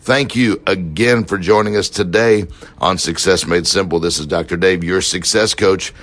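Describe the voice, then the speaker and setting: Very deep-voiced male podcast host. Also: fairly even intonation, fairly bright tone. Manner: fast, loose outro with fillers. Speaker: podcast host, success coach. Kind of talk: podcast hosting and promotion.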